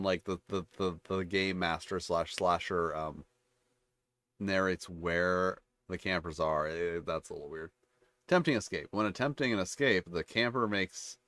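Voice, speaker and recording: A man with a low voice works through a page of game rules, reading each one out and then wandering into loose, talky asides full of restarts. His voice sits dry and close, with no room sound around it. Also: a bit bright, dry recording. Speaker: channel host reviewing tabletop games. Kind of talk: casual commentary reading rules aloud.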